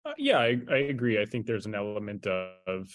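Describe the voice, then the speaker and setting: Low-voiced man hosting a podcast. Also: very animated, normal speed. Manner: thoughtful, asks long open questions. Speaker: podcast host. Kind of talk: podcast interview.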